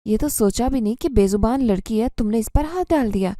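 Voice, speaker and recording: A woman's voice: on the high side, lively intonation, dark tone, dry recording, clean studio sound, lightly acted. A woman voicing an angry, jealous young bride-to-be who accuses and scolds. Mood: furious.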